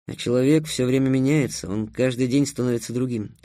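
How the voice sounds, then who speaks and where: A man voicing an earnest, cautious young hero, speaking low and subdued. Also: fairly quick, mellow, no echo, studio quality, close to an everyday voice.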